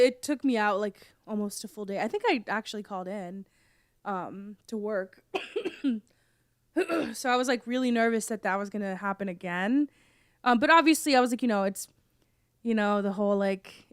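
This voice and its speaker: A podcast co-host, a young woman whose voice is still hoarse from illness, chats casually and coughs from time to time. She wanders through her thoughts with fillers and restarts. Her mid-range voice sounds smooth and close in a dry recording with no room sound.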